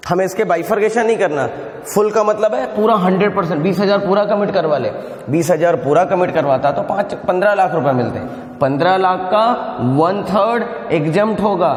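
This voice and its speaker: High-voiced man teaching in an echoey room. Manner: explains step by step, often asking students questions; mixes Hindi with English terms. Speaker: commerce tutor. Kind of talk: recorded video lecture. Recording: echoey room with long reverb.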